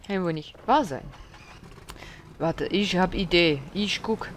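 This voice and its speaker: A woman's voice: fairly low pitch, takes it slowly, slight background noise. A woman giving blind let's play commentary, swearing, exclaiming and scolding the enemies aloud.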